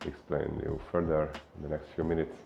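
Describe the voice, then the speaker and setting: Very deep-voiced Hungarian man, gravelly. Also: little pitch movement, highs cut off. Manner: unhurried, many filler pauses. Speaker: fitness coach. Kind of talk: explainer talk to camera.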